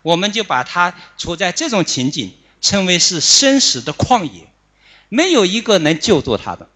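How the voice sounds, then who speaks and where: A middle-aged man, a Buddhist monk, giving an animated dharma talk that explains how to chant, pausing often on "ah" fillers. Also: sits high.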